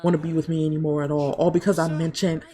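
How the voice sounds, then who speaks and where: A woman's voice: low-pitched, level tone, fast, a crowd in the background, lightly acted. A woman voicing a hurt, bitter young man in a life-sim game, talking bluntly in her own voice. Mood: aggrieved.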